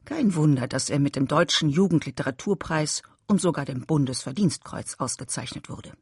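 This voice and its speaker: A narrator reading a scripted radio feature in a measured, even way. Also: mid-range voice, husky.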